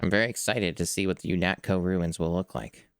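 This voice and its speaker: A man's voice: sits low, brisk, clear, resonant tone, no room sound, studio quality. A man streaming a video game, chatting casually and easily as he plays. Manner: relaxed, easygoing. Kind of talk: casual gameplay chat.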